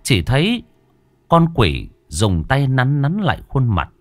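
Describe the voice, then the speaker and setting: A man narrating a horror story in a dramatic, drawn-out storytelling manner. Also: medium pitch, wildly swooping pitch, no room sound.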